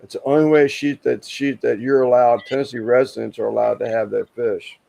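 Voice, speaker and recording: A man hosting a casual livestream chat, telling rambling stories with lots of pauses and restarts. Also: medium pitch, steady tone, vocal fry, mellow, rough recording. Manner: rambling, halting storyteller. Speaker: livestream host.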